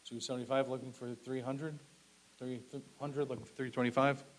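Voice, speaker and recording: Working a live auction, a man calls out lots and bids a little fast in a level, mid-range voice. His short, clipped calls repeat often and come with polite thanks and asides, while background hiss is clearly audible.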